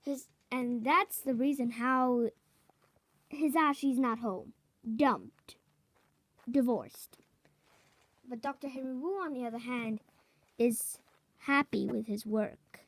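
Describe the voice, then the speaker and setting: A woman improvising a fan story out loud, halting and correcting herself as she goes. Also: a little high, no room sound. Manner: halting, self-correcting, clears throat.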